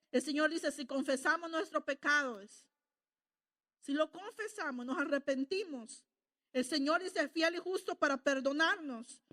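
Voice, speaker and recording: A woman's voice: high voice, a bit bright. A middle-aged woman preaching a sermon in a conversational way, often checking in with the congregation. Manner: conversational, asks the congregation "¿verdad?".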